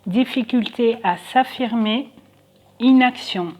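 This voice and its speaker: A woman's voice: fairly high pitch, takes it slowly, a little mellow, slight background noise. A woman doing a casual tarot card reading for viewers, thinking aloud with many hesitations.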